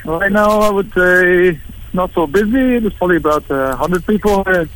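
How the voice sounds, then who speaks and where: A man from England, a rabbi, speaking as a guest in a live radio interview, relaxed and plain-spoken, sometimes halting. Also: sits high, a little hiss or hum, low-quality recording. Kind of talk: interview by phone, live remote.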